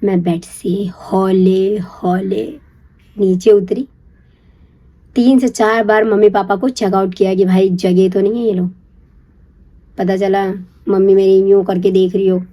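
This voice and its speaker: A young woman casually telling a personal story in a chatty, confiding way, checking in with the listener and slipping into a hushed whisper for the secret parts. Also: medium pitch, fairly even intonation, moderate pace, pauses often. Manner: chatty, confiding, keeps asking "you get it?"; drops to a hushed whisper when acting out secrecy. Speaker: storyteller recalling her first love.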